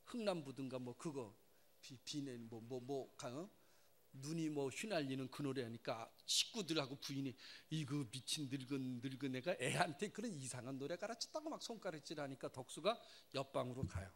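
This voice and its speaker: A pastor preaching, swinging from hush to shout. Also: male voice, medium pitch, expressive, moderate pace. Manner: emotional storytelling, swings from hushed to shouting. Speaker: pastor and professor. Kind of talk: sermon. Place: church sanctuary.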